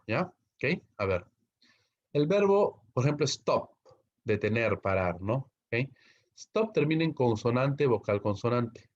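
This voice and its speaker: A man's voice: medium pitch, highs cut off. A man teaching an English grammar class, explaining step by step and checking in with the students after nearly every line. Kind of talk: online class lecture.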